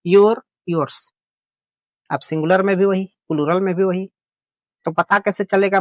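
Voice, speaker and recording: A man with a high-sitting voice teaches English to beginners, explaining the lesson in Hindi with no echo on the recording. He is patient and homely, repeating each point and reassuring his learners in a plain, homely way.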